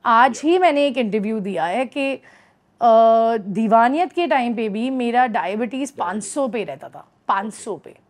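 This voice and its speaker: A woman's voice: fairly high pitch, animated, a little slow. A woman in her thirties with an Indian accent, an actress chatting in an interview, bubbly and mixing Hindi with English. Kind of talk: casual interview chat.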